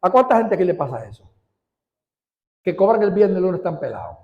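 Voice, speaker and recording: A man with a Puerto Rican accent preaching a sermon as pastor, emphatic, asking the congregation questions and building to forceful peaks. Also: high-pitched, big pitch swings, brisk, echoey room, highs cut off. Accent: Puerto Rican Spanish. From Puerto Rico.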